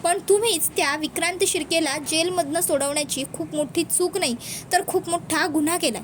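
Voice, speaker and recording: A woman's voice: very high-pitched, normal speed, a little hiss or hum. A woman voicing a stern young female lawyer who lectures her father-in-law firmly and insistently.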